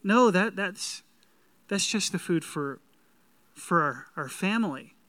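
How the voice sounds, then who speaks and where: A man's voice: sits high, expressive, takes it slowly, pushed and bright, no echo, full character voice. A man playing a flustered, proud modern homeowner in a sermon skit, explaining in an eager, stammering way.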